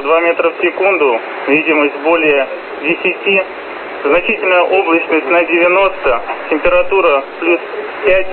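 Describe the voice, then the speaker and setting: A man working as an air traffic controller, giving clipped procedural instructions over a radio. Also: fairly high pitch. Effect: radio transmission. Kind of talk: procedural aviation radio communication. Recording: noisy narrow-band aviation radio.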